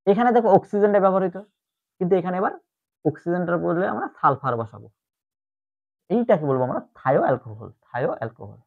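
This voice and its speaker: A man's voice: high voice, expressive, quick pace, vocal fry, pauses often. A man teaching chemistry in an online lecture, explaining step by step and repeating the key terms. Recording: tinny phone-like audio.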